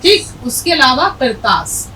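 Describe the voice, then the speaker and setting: High-voiced woman teaching Urdu patiently. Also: expressive, pushed and bright, a little hiss or hum, low-quality recording. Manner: patient, spells out letters slowly and repeats words. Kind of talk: language lesson, explaining a poem and spelling.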